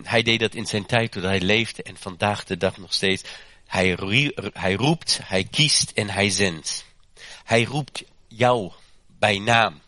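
A man delivers a sermon in a bright, forceful voice, repeating key phrases and climbing in pitch when he presses a point. He often corrects himself mid-sentence with small fillers. The recording is close and dry, with no room sound. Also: no room sound. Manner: emphatic preaching, repeats phrases and rises in pitch for stress; frequent self-corrections and fillers. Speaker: preacher.

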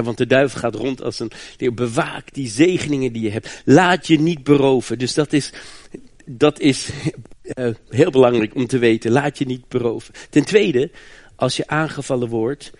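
A man preaching a sermon in an emphatic voice of middle pitch. He often doubles words as he restarts a thought, and he chuckles lightly between phrases. The sound is close and dry, with no room echo. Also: a little mellow.

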